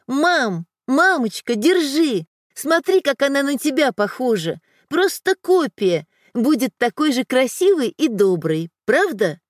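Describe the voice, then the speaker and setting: A woman's voice: high-pitched, very animated, a little slow, hardly any pauses, no room sound, studio quality, voice pushed up. A woman voicing an emotional young daughter who pleads and bursts out tearfully, in a storybook reading. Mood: excited. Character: hurt teenage daughter, emotional and clingy.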